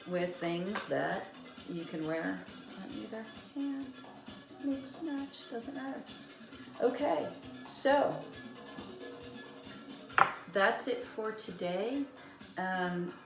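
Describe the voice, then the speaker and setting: Slow, rambling woman vlogger. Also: mid-range voice. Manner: chatty, rambling, many fillers. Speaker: knitting vlogger. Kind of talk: casual chat. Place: room with vinyl playing. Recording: echoey room, music behind. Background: eighties vinyl record playing.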